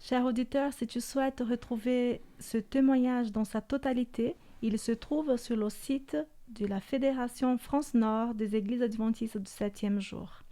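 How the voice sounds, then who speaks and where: A woman's voice: on the high side, fairly even intonation, unhurried, mellow. A woman host presenting in a composed, scripted way and addressing the listener directly.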